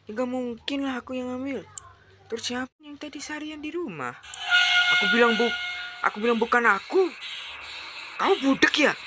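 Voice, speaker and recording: A woman reading the part of an angry, abusive husband in a game, shouting harsh scolding lines. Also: high-pitched, lively intonation, fairly quick, pitched above the performer's own voice. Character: angry abusive gambling husband, adult man. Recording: loud background noise.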